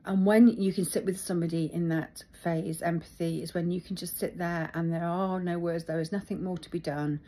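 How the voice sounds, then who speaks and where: A middle-aged woman talking reflectively about her feelings, thoughtful and halting as she searches for words. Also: lowish voice, fairly even intonation, warm tone. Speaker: vlogger. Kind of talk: reflective personal talk.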